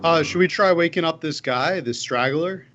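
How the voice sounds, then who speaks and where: A man's voice: fairly high pitch, normal speed, a bit bright, highs cut off, slight background noise. A man playing a tabletop game, chatting casually and joking with the group. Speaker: player.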